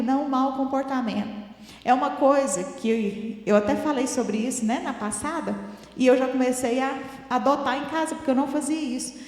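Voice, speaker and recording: High-voiced woman in an echoey hall. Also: a little mellow. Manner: chatty, laughing, tells home stories. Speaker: parenting talk speaker.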